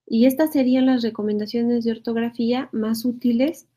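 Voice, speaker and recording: A woman's voice: fairly high pitch, fairly even intonation, fairly quick, dark tone. A woman teaching a spelling lesson, explaining patiently, repeating phrases and checking in with her students.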